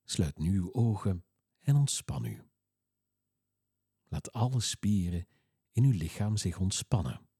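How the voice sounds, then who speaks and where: A man leads a relaxation exercise, his low voice slow and soothing. The tone is dark and very husky. The recording is close and dry, with no room sound. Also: dry recording. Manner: slow, soothing, calm instructions. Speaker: relaxation guide. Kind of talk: guided relaxation script.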